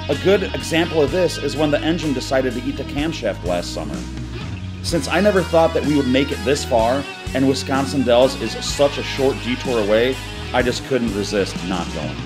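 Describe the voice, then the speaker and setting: A man's voice: mid-range voice, recorded from a distance. A man, talking to the camera from inside his moving car on a road-trip vlog and joking about the car breaking down. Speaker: car vlogger. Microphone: camera on the dashboard.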